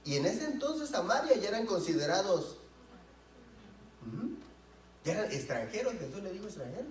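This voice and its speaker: A man's voice: high voice, sing-song, moderate pace. A male pastor preaching a sermon in a church, in a conversational way, often asking the congregation questions. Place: church sanctuary. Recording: roomy echo, mic at a distance.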